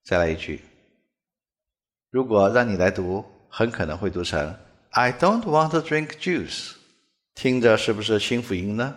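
A man's voice: on the low side, moderate pace. A man from China, a native Mandarin speaker, teaching English pronunciation in a spoken lesson and demonstrating sounds by repeating them with exaggeration. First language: Mandarin Chinese.

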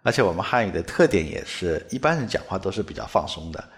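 Male pronunciation tutor, native Mandarin speaker from China, fairly low voice, animated delivery, demonstrates sounds with exaggerated repeats. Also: quick pace. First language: Mandarin Chinese. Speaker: English pronunciation teacher. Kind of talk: spoken lesson with demonstrations.

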